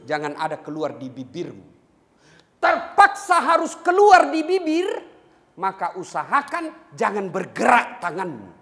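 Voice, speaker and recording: Male preacher, animated sermon delivery, long hall reverb. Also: high-pitched, unhurried. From Indonesia. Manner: animated, jokes with the crowd, breaks into song. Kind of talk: lively sermon to a congregation.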